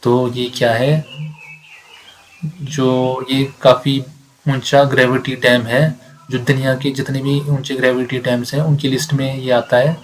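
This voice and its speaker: Flat-voiced male exam tutor. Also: mid-range voice, unhurried, slight background noise, rough recording. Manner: repeats facts, asks and answers himself, mixes English readings. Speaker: exam prep teacher. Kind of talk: explanatory lecture.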